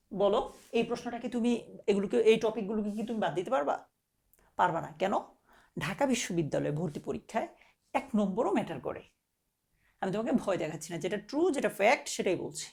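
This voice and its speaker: Lively mellow-voiced woman tutor. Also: medium pitch. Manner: direct, coaxing, asks "clear?" often. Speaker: admission test tutor. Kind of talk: casual lecture to students.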